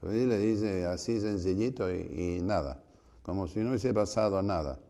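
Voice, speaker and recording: A man, a priest, giving a spiritual retreat conference, telling stories and acting out voices with sudden shouts. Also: low-pitched, normal speed. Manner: storytelling, acts out voices with loud shouts.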